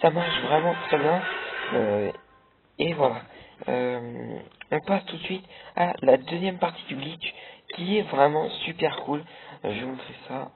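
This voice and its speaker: This young video creator comments loosely on his own gameplay, with lots of fillers and false starts. His voice runs on the high side and a little slow, captured tinny and lo-fi beneath loud game music.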